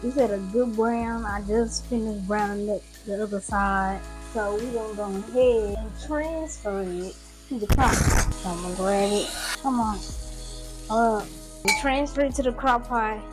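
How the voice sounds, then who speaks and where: A woman's voice: medium pitch, moderate pace, over music. Tired, chatty woman cooking at home. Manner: rambling, chatty, talks straight to viewers. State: tired, yawning. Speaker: cooking vlogger. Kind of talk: casual cooking chat. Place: home kitchen. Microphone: camera close by.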